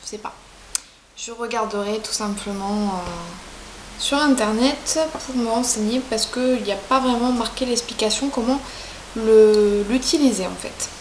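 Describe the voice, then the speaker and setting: A young woman with a fairly high voice talks through beauty products in a loose, chatty review, often stopping on fillers. Her voice bounces around an echoey room, with a faint hiss underneath. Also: unhurried, a little mellow. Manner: chatty, hesitant, many fillers. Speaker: beauty vlogger.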